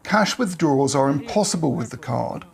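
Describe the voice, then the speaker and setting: Male reporter, slightly high voice with a gravelly edge, measured voice-over delivery. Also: expressive.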